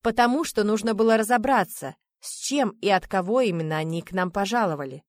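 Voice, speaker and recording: A woman voicing a confident, bossy young male mage commander in a storybook reading, teasing and gruff. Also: medium pitch, a little fast, dry recording, clean studio sound, lightly acted. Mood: reasoning.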